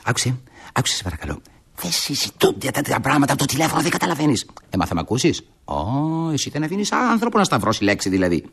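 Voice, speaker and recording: Husky, flustered young dreamer, lively pitch swings. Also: male voice, exaggerated voice. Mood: frantic. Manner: dreamy and grand, then frantic and pleading on the phone.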